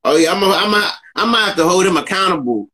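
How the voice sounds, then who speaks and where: A man's voice: sits high, expressive, fast, pushed and bright, poor audio. A man hosting a casual livestream podcast, talking in a hyped-up way, repeating himself and stumbling over words. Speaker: podcast host. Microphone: phone camera.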